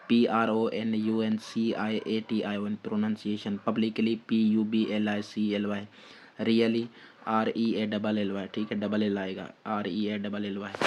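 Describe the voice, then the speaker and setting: A test-prep teacher with a Pakistani Urdu accent gives a spelling lesson, dictating words letter by letter in a slow, repetitive way. His voice is lowish and a little mellow, and he says "theek hai" over and over.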